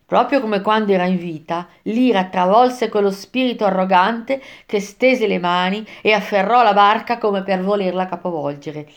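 A woman tells a tale in the first person, reading in a measured, expressive way. Her pitch sits in an ordinary middle range, and she paces the story steadily. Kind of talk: storybook narration.

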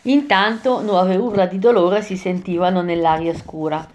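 A woman narrating a storybook retelling in an expressive, measured reading voice. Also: fairly low pitch.

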